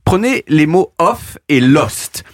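A man's voice: fairly high pitch, takes it slowly, no echo. A man delivering a playful, mock-boastful explanatory radio chronicle in a studio. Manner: animated, mock-boastful, demonstrative. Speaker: radio columnist.

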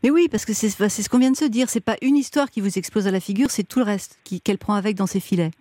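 Quick, reassuring woman radio host. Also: mid-range voice, dark tone, dry recording. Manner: reassuring, encouraging. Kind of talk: radio advice talk.

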